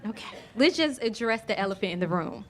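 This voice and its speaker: A woman's voice: medium pitch, lively intonation, fairly quick, a little hiss or hum. A woman from Miami with a thick Southern US accent, giving a personal storytelling speech as a guest author, addressing the audience directly. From Miami, Florida.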